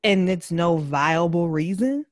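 Lower-voiced woman chatting on a podcast, blunt, cusses a lot, dry close mic. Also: measured pace, no echo. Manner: animated, acts out quotes in shifting voices; blunt, swears freely. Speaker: podcast co-host. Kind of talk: casual chat.

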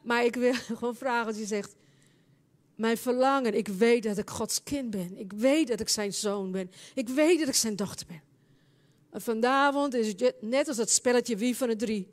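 A woman preaching and praying in a charismatic church service, speaking fervently and building into loud, impassioned prayer. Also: on the high side, normal speed. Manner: speaks in tongues between prayers.

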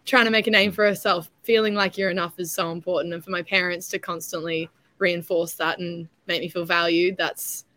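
A woman's voice: lowish voice, flat delivery, brisk, few pauses, pushed and bright. A young woman chatting casually as an interview guest, talkative and self-deprecating. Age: young adult. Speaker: interview guest, beauty pageant contestant.

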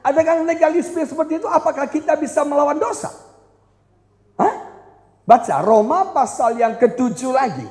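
A man preaching a lively sermon at a church retreat, animated and joking with the congregation as he acts out quotes. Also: very high voice, normal speed. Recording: echoey hall reverb.

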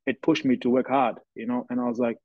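Talking fast in a slightly mellow, mid-range voice with little pitch movement, a South African professional rugby player reflects earnestly on his story as a podcast guest. The recording has no room sound and a dry, somewhat dull lo-fi quality.

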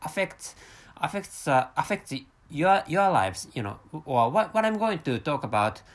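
This podcast host is a man from Japan in his thirties, rambling alone in English, his second language, with a Japanese accent. His sing-song voice sits on the high side, and he keeps stopping, restarting, and repeating words.

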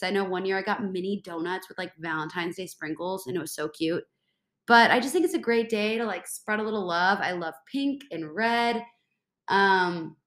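In a reverberant space, a young woman with a congested, medium-pitched and fairly bright voice hosts her own casual podcast alone. Her manner is bubbly and meandering, with "like" dropped into every pause.

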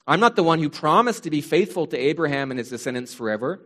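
Moses, pleading and worn out, speaking with a higher-than-average voice, put on by a preacher. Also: male voice, animated, quick pace, fairly bright tone. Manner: earnest, exasperated pleading. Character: weary, exasperated Moses pleading with God.

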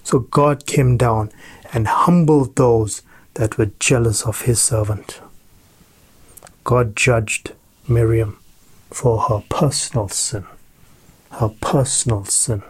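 Male preacher, unhurried, emphatic repetition, mid-pitched. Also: breathy edge. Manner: slow, deliberate, emphatic repetition. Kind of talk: sermon with scripture reading.

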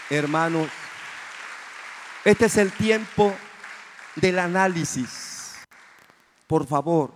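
A man's voice: a little high, slight background noise. A man preaching a fervent sermon as pastor, calling out to the congregation for amens. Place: church. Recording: reverberant church hall.

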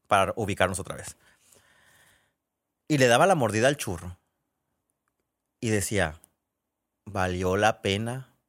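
A man's voice: lowish voice, a bit bright. A man with a Mexican accent hosting a podcast, telling stories in a chatty, digressive way and often correcting himself mid-sentence. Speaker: podcast host. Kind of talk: casual storytelling monologue.

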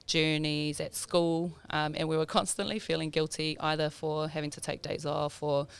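A woman's voice: low-pitched, flat delivery, normal speed, vocal fry, clean tone. A woman in her thirties with a South Auckland Māori New Zealand accent, chatting informally as a podcast guest and mixing te reo Māori words into English. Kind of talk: casual interview chat.

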